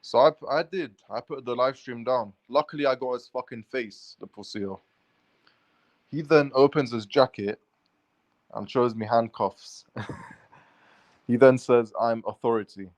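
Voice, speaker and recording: Unhurried and leaving long pauses, a man with a mid-range, slightly mellow voice describes a run-in to his vlog audience. He rambles casually in restless run-on sentences, swearing freely, and there's no room sound.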